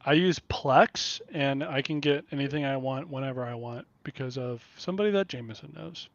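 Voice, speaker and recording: A man's voice: medium pitch, a little fast, no room sound. A man hosting a casual podcast chat, blunt and profane, laughing often, from the Kansas City area. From Kansas City area, USA. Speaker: podcast host. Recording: dull lo-fi dry sound.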